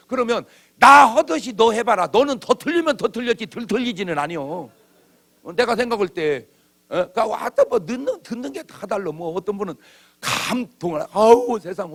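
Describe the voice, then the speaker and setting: Casting: male pastor, revival sermon, high voice, big swings in pitch, comic delivery. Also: fairly bright tone. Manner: humorous, conversational preaching with acted-out quotes. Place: church. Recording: old church video.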